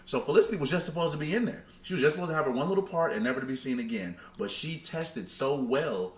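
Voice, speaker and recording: On this podcast, a male co-host with a fairly high-pitched voice talks fast and animatedly, giving casual, emphatic takes full of slang. There's a roomy echo and clear background noise in the recording.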